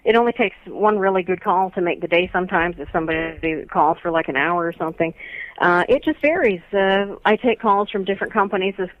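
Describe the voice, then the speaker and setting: A woman phone sex operator, a guest on a radio show, answering questions in a calm, matter-of-fact way. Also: lowish voice, brisk, dry recording, phone-quality sound. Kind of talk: casual radio interview.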